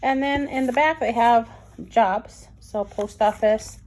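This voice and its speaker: A woman's voice: on the high side, slight background noise. Chatty woman reviewing a reading program. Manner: fast-talking and excited, with frequent ums. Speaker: homeschool curriculum reviewer. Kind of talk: casual product review.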